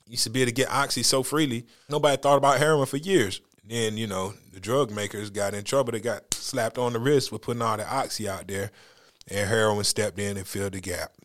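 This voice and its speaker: A man's voice: fairly low pitch, fairly even intonation, brisk, fairly bright tone. Laid-back male podcast host. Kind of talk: casual chat.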